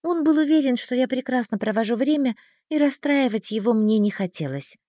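A woman's voice: on the high side, animated, fairly quick, warm tone, dry recording, clean studio sound. Woman narrating an audiobook. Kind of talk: first-person audiobook narration.

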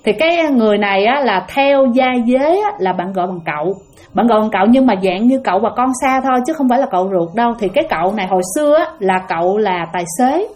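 A woman's voice: mid-range voice, expressive, fast, darkish tone. A woman with a Southern Vietnamese accent tells a ghost story casually, often turning to address her listeners. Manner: chatty, addresses listeners, many fillers.

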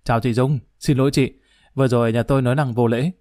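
A man's voice: mid-range voice, steady tone, quick pace, warm tone, dry recording, clean studio sound, lightly acted. A man playing a nervous, timid husband who talks in an anxious, placating way.

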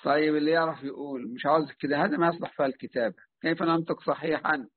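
A man with an Egyptian Arabic accent teaching Quran recitation rules online, patiently quizzing students and modelling slow recitation. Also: fairly high pitch, fairly even intonation, husky. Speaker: tajweed teacher. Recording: tinny phone-like voice call.

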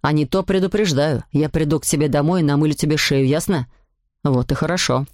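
A woman doing a gruff, short-tempered dad. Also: low-pitched, brisk, no echo, clean studio sound, pitched below the performer's own voice, lightly acted. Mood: furious. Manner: gruff, exasperated, shouting in bursts. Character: irritable middle-aged father, grumbling and short-tempered. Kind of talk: audiobook character voicing.

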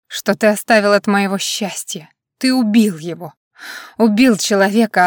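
A woman's voice: medium pitch, no echo, studio quality, close to an everyday voice. Woman playing a bitter, heartbroken young woman. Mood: furious. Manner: bitter, accusing, tearful.

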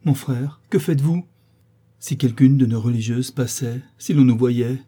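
Firm young sister, scolding, earnest, raised pitch, slightly husky, played by a man. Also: a little slow, dark tone.

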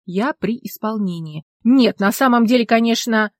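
A woman voicing a young, blunt but good-natured village policeman with folksy, steady talk. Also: a little high, normal speed, dry recording, studio quality, lightly acted. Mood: defensive. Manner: plain-spoken folksy talk, calm and steady.

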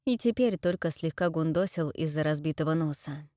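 A woman reads a first-person story aloud in a wry, lively way. Her voice sits on the low side. The recording is dry and close. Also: brisk, no echo. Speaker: audiobook narrator. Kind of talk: first-person audiobook narration.

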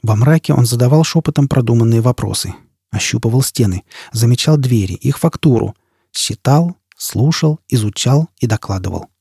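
A man narrating an audiobook in a measured, even reading. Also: medium pitch, gravelly, slightly rough, no room sound, clean studio sound. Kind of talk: scripted narration.

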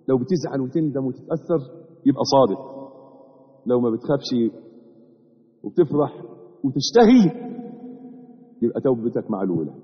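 A man preaches with an Egyptian accent, talking fast in a high, lively voice and pressing his listeners with rhetorical questions. The sound is a dull, lo-fi recording with long echo from a hall. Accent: Egyptian Arabic. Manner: animated, keeps asking the audience rhetorical questions. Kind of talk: sermon to a live audience. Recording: echoey hall, dull lo-fi audio.

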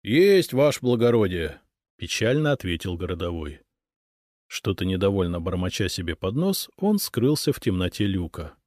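Brief: male audiobook narrator, low voice, lively intonation, dry close sound. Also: moderate pace, dry recording. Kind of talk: first-person audiobook narration.

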